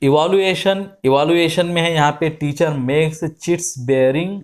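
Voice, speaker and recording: A man teaches a class lesson. His voice sits fairly high for a man. He reads the English instructions slowly, word by word, and then explains them in easy terms. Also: steady tone.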